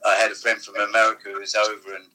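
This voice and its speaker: A man reminiscing about old football seasons in a casual, halting chat, often restarting his sentences. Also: on the low side, completely flat delivery, pushed and bright, a little hiss or hum, rough recording. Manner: rambling, halting storyteller with restarts. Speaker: former football club figure, guest.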